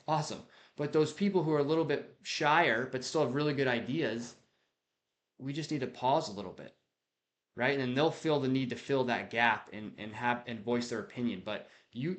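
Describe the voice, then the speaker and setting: Casual, direct man coaching on leadership. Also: mid-range voice. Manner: casual, direct, conversational, with frequent restarts and acted-out example quotes. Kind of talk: unscripted talk to camera on leadership.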